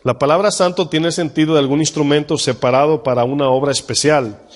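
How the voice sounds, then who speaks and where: A man preaching a sermon as pastor, putting questions to the congregation and reading scripture slowly and with emphasis. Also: fairly high pitch, steady tone. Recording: church hall reverb.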